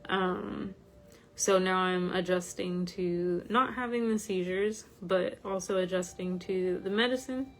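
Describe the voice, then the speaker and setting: A tired-sounding woman with a slightly croaky voice, talking informally and haltingly as she hosts an online study group. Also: lowish voice, slight background noise, low-quality recording. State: tired from medication. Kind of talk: informal livestream talk.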